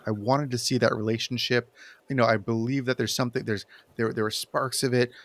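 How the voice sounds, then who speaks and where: A man's voice: mid-range voice, steady tone, brisk, no echo. Dry-recorded man rambling keenly about film. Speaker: podcast panelist. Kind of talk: casual film chat.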